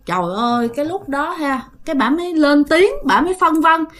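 A woman's voice: sits high, expressive, a little fast. A woman with a Southern Vietnamese accent telling a ghost story in a chatty way, often addressing her listeners.

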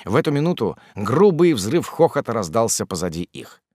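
Expressive male audiobook narrator. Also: medium pitch, normal speed, no echo, studio quality. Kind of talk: scripted narration.

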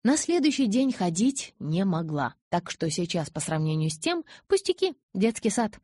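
A woman's voice: mid-range voice, sing-song, normal speed, warm tone, no room sound. A woman narrating a novel in the first person, telling the story expressively. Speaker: audiobook narrator.

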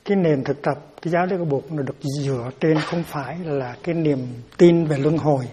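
A man's voice: on the high side, fairly quick, dark tone, breathy edge. A man giving a Buddhist dharma talk as teacher, explaining terms patiently and often repeating words as he searches for them.

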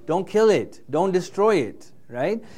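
Male preacher, earnest and emphatic, pitched a touch high, tags his points with "right?". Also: sing-song, a little slow, mellow. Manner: fluent Arabic recitation, frequent "yeah?" and "right?" tags. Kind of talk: English religious lecture.

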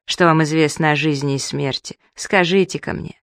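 A reader voicing a gruff, mocking bearded man who speaks curtly, in an audiobook. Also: sits low, fairly even intonation, moderate pace, fairly bright tone, dry recording, studio quality. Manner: curt, sneering.

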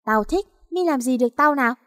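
A woman's voice: high-pitched, lively intonation, a little fast, a bit bright, no echo, studio quality, voice pushed up. A woman voicing a big, arrogant schoolboy bully who taunts another child. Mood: taunting.

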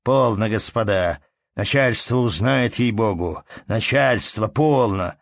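A man's voice: fairly low pitch, slow, no echo, clean studio sound. A man voicing a town policeman scolding a quarreling crowd in an audiobook. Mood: admonishing. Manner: admonishing. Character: weary male policeman breaking up a quarrel.

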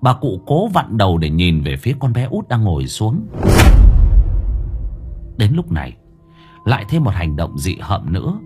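A man narrating a horror audiobook in a dramatic, drawn-out storytelling manner. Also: on the low side, huge pitch swings. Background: faint music.

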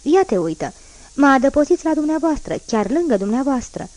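Woman reading as a hoarse defiant ex-convict man. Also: fairly high pitch, very animated. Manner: shouting defiantly. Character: rough menacing male ex-convict, middle-aged. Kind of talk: audiobook reading.

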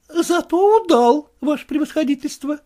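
A man voicing a young male suitor, high-pitched, whiny, deferential. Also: expressive, moderate pace, mellow. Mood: pleading. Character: young male suitor, cocky yet fawning.

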